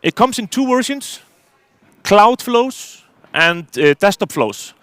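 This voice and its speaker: A man's voice: high-pitched, expressive, slow, fairly bright tone, no echo. A middle-aged man from Iceland, giving a technical conference talk from a stage, hesitant with many fillers and restarts. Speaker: conference speaker.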